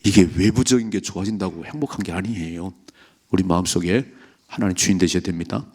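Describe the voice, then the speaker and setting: At an early-morning prayer service in a church sanctuary, a pastor with a low, somewhat husky voice slowly reads scripture. He then shifts into animated storytelling, acting out the voices of the biblical figures.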